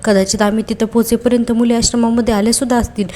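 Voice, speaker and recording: A woman voicing a calm young husband from a TV serial who keeps reassuring his wife. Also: on the high side, very fast, slight background noise, lightly acted. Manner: steady, reassuring.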